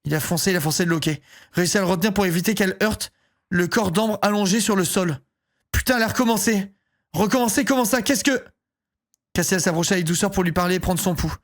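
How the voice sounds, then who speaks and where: Woman streamer, reads a visual novel aloud, does mock for the cast, reacts loudly between lines. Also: mid-range voice, quick pace. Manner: voices characters with mock accents, breaks into swearing and laughter.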